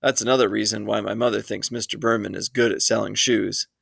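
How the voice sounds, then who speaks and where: A man's voice: fairly low pitch, little pitch movement, brisk, gravelly, a bit bright, slightly rough, dry recording, clean studio sound. A man reading a children's book aloud in a first-person storytelling voice. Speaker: reader.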